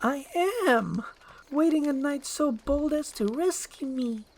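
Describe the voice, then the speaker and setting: A woman's voice: high voice, slow, darkish tone, voice pushed up. A woman voicing a young, romantic, demanding fairy-tale princess with theatrical, formal storybook speech. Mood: grand, romantic.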